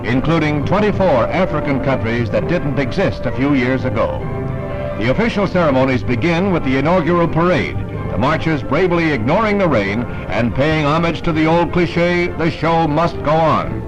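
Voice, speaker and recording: A man narrating an old 1960s newsreel as a scripted announcer, with lively announcer delivery. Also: moderate pace. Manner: lively announcer delivery with broad pitch swings. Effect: old 1960s newsreel sound. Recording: dull lo-fi 1960s newsreel with loud music.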